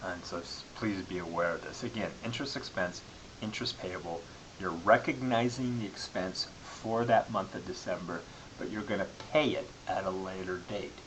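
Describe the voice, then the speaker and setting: A man giving an explanatory lecture as a college instructor, halting and restarting phrases as he goes. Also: deep voice, poor audio. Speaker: accounting lecturer. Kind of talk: classroom-style lecture. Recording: clearly audible background hiss.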